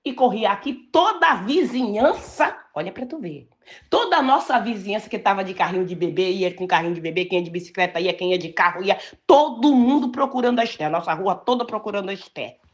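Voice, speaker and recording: An older woman from Brazil preaching a sermon, telling a personal story and stressing key words slowly and emphatically. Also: medium pitch, expressive.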